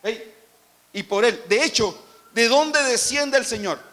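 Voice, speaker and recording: High-voiced Colombian pastor preaching. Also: male voice, a little slow, sharp tone. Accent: Colombian Caribbean Spanish. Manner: preaching with questions to the congregation. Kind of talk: sermon.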